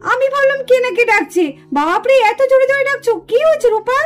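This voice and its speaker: Brief: woman voicing a calm puppet-show mother, soothing, very high voice. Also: fast. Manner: soothing, puzzled questioning. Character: busy, patient young mother, calm.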